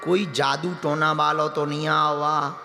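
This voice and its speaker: A man voicing a suspicious old village woman in a devotional story, low and gossipy. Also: level tone, unhurried, gravelly, pushed and bright, heavily acted. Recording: echoey hall with music.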